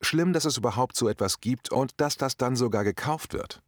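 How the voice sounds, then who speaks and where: A man's voice: medium pitch, moderate pace, no echo, clean studio sound, close to an everyday voice. A man reading out the lines of an indignant party guest who answers curtly and dismissively. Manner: curt, dismissive. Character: indignant adult party guest, curt and disapproving.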